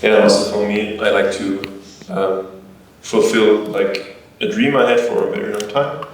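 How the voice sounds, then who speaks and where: A man speaks English slowly, pausing often with fillers as he hunts for his words. His slightly low voice sits back from the mic, and it comes across in a very echoey hall with faint noise behind it. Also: steady tone, recorded from a distance. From Germany. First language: German. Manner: halting, many fillers, searching for words. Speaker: band member, guest. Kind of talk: casual panel interview.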